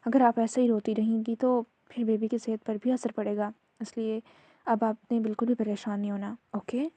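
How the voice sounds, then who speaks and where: A woman voicing a kind female doctor who gently reassures a patient. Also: on the high side, level tone, dry recording, lightly acted. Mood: reassuring.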